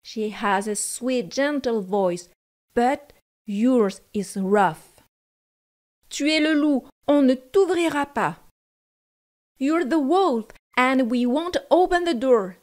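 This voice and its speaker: A woman's voice: high voice, lively intonation, takes it slowly, a little mellow. A woman doing defiant little goat kids.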